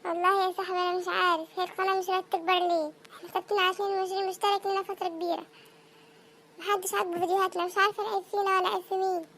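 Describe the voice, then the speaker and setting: A woman's voice: extremely high pitch, level tone, fairly bright tone, slight background noise. A woman with an Egyptian accent narrating comic jokes and chatting for a cartoon channel. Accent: Egyptian Arabic. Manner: quick, chatty storytelling.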